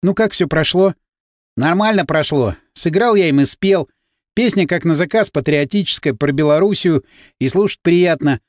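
A man narrating an audiobook in the first person, expressive and storytelling. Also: on the high side, moderate pace, no echo, studio quality.

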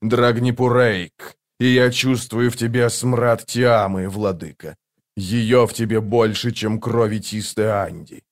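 A giant hooded demon speaks in a deep, soft voice, calm and menacing, as a male audiobook narrator puts him on. He draws his words out slowly and reasons with his foe. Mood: growling. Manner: slow, reasoning delivery. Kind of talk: audiobook character voice.

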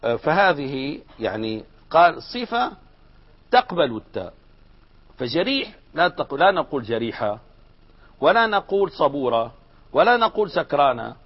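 A man teaching a classroom grammar lesson, explaining lively and asking his students questions. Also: a little high, moderate pace, pauses often, husky, lo-fi sound.

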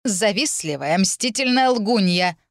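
A woman's voice: mid-range voice, animated, normal speed, fairly bright tone, dry recording, studio quality, lightly acted. A woman voicing a cruel, scornful noble stepmother who speaks in a cutting, raised voice. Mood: furious.

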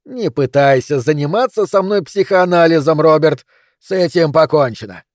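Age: older man. Figure: a man doing a gruff retiring police captain. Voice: raised, loud, wry. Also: fairly high pitch, expressive, moderate pace, dry recording, clean studio sound, voice pushed up, natural voice. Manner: gruff joking banter.

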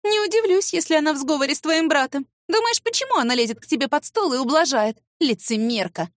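A woman's voice: high-pitched, expressive, fast, dry recording, voice pushed up. A woman voicing a spiteful, catty young female office rival who sneers and hurls accusations. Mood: shrill whining.

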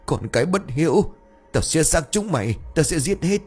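Man voicing possessed old woman, demon, shrill, snarling, husky, soft music behind. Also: animated, moderate pace. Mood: menacing. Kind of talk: audiobook character voice.

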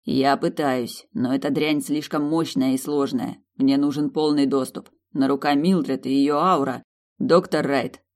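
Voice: mid-range voice, fairly even intonation, a little slow, lightly acted. A reader voicing a stern vampire man who gives firm orders and curses under pressure. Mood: strained command.

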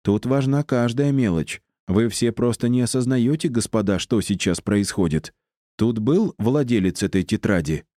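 A man's voice: medium pitch, moderate pace, mellow, dry recording, studio quality, voice pushed up, lightly acted. A man reading the part of a plump, charming male inquisitor priest with a metallic edge, probing and commanding. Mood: intent.

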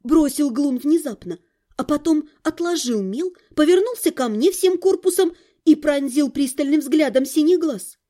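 A woman's voice: sits high, animated, normal speed, warm tone. A woman reading a first-person audiobook in an ironic, colloquial storytelling manner. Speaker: audiobook narrator.

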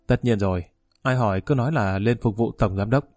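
A man voicing a scheming older male bank executive assistant who speaks in a measured, persuasive way. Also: on the low side, a little mellow, no room sound, clean studio sound, natural voice.

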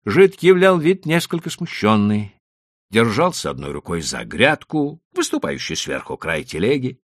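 A man narrating a classic short story for an audiobook in an expressive storytelling manner. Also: lowish voice, normal speed, dry recording, studio quality. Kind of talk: scripted narration.

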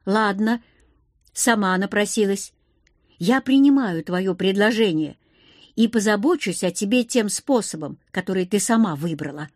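A woman reading an audiobook, voicing a furious, gruff young male commander who scolds and shouts. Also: mid-range voice, moderate pace, no echo, clean studio sound, close to an everyday voice. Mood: scolding.

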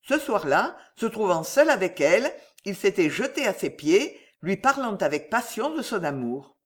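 Audiobook narrator, historical tale, lively swinging pitch, dramatic reading. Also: normal speed.

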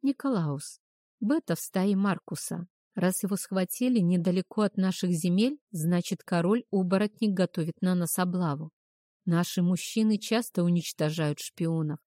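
Woman voicing a hushed calm she-wolf. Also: normal speed, no room sound, clean studio sound, close to an everyday voice. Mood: matter-of-fact. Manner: hushed, low explaining tone. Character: female werewolf, calm and matter-of-fact. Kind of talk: audiobook character voice.

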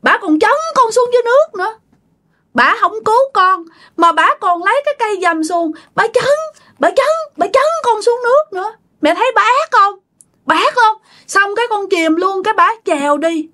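A high, wailing little boy's ghost, cold, hungry and pleading with his mother, as a woman storyteller puts him on. The voice sits far above her own, thin and childlike, rising and falling as he begs. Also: animated, normal speed, bright, forceful tone, heavily acted.

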